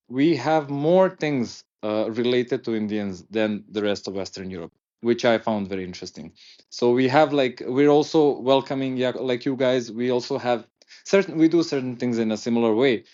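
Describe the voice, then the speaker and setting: A man's voice: medium pitch, moderate pace, a little mellow, muffled recording. A man, a guest in a casual interview, talking hesitantly with many fillers and restarts. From Serbia.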